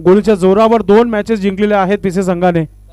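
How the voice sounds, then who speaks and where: A man doing live commentary and formal stage announcements at a local cricket tournament, with honorific phrases and filler pauses. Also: high-pitched, steady tone, a little mellow, clear, resonant tone, no room sound.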